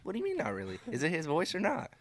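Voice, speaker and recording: A man's voice: fairly high pitch, wildly swooping pitch, rapid-fire. A young man co-hosting a casual podcast with his stepdad, easygoing and full of questions. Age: young adult. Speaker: podcast co-host, stepson. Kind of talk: casual chat.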